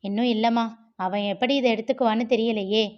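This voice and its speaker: A woman reading as a calm, worried husband. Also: a little high, fast, lo-fi sound, close to an everyday voice. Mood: reassuring. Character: worried, soft-spoken husband.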